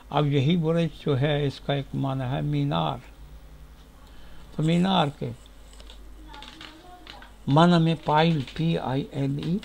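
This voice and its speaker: A man teaching word origins in a slow, deliberate lecture, spelling out letters one by one, recorded in a sitting room at home. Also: a little high, gravelly, darkish tone, a little hiss or hum, poor audio. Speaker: etymology teacher.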